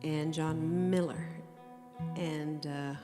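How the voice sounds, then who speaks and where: A woman's voice: deep voice, steady tone, drawn-out words. A middle-aged woman from Cape Breton, a folk musician chatting between tunes in a homey, storytelling way with many fillers. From Cape Breton, Nova Scotia, Canada. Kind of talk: stage banter between tunes. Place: museum hall, live concert. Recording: long reverb with faint music.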